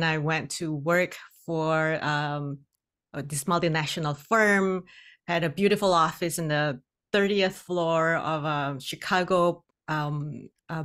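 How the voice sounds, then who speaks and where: A middle-aged woman talks on a video-call podcast, her voice sitting a little low. She tells her story candidly and laughs often between phrases, close to a podcast microphone at home. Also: a bit bright. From Indonesia. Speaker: guest, hypnotherapist and coach. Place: home room, indoors.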